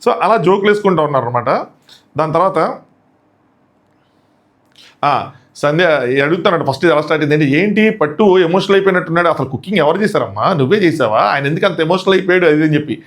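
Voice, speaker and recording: A man hosting a casual comic review, mocking and excitable with slangy asides. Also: fairly high pitch, quick pace, long pauses. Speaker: show reviewer and host.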